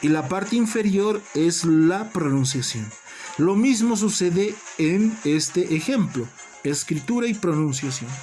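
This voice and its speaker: A language teacher giving a recorded lesson, speaking deliberately, repeating key terms and calling the listeners brothers and colleagues. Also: mid-range voice, expressive, darkish tone, soft background music.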